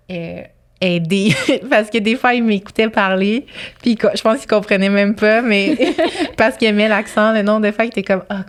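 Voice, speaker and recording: A woman in her thirties with a Québécois French accent, a surgeon who tells chatty stories in an interview and laughs often. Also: medium pitch. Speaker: colorectal surgeon guest. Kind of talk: casual interview storytelling.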